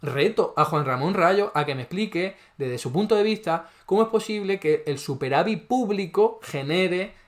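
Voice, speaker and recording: Combative man, higher pitch. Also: lively intonation, normal speed, hardly any pauses. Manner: combative, rhetorical questions, sarcastic. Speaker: economist commentator, channel host. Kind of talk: argumentative video monologue.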